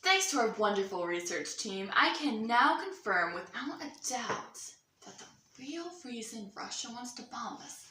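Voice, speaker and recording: Her voice on the high side, very animated and unhurried, with a pushed brightness, a woman plays anchor in a student-style mock newscast, delivering a 1950s bulletin with theatrical sarcasm. The mic sits at a distance in a roomy space, leaving echo and faint noise.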